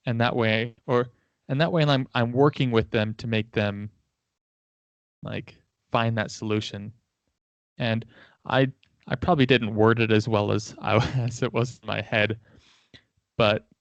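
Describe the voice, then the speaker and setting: A man's voice: mid-range voice, steady tone, measured pace, pauses often, no echo. A man hosting a casual chat, thinking aloud with frequent fillers and restarts. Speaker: host. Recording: dry, dull lo-fi audio.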